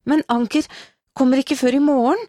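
A woman's voice: high voice, steady tone, dark tone, dry recording, clean studio sound, pitched above the performer's own voice. A woman narrator voicing a frightened young woman who speaks in a trembling, urgent way.

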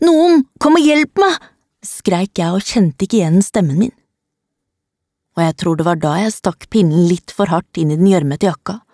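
Woman storybook narrator, low and warm, calm even telling, close dry mic. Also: slightly rough, no echo. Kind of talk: storybook reading.

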